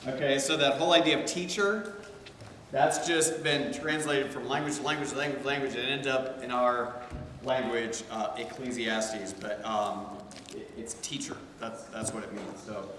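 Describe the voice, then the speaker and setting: A man's voice: mid-range voice, moderate pace. Man, theology teacher, casual lecture, digressive, very echoey room, faint background hum. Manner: chatty, digressive, animated storytelling. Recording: echoey room with long reverb, faint ambience.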